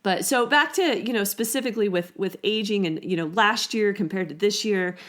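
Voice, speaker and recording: A woman in her forties co-hosting a podcast, talking in an animated, casual way. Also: mid-range voice, a little fast. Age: 40s. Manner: animated, often tags "right?". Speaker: podcast co-host. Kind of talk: casual chat.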